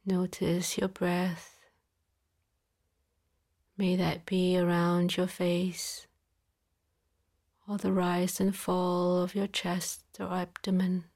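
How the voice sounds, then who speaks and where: Leading a guided body-scan relaxation, this woman speaks slowly and softly, calm, slightly low and very even, partly in a whisper and with long pauses.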